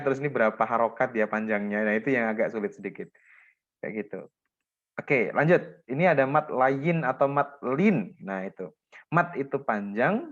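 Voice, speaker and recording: A man teaches a class the rules of Quran recitation, walking through examples and stopping often to check that his students follow. His voice sits at an ordinary middle pitch. The recording is a little dull and lo-fi. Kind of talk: classroom lesson on tajwid rules.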